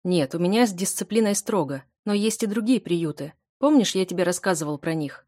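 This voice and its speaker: A woman voicing a steady, self-assured man who runs orphanages, speaking calmly and matter-of-factly. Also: fairly low pitch, a little fast, no room sound, studio quality.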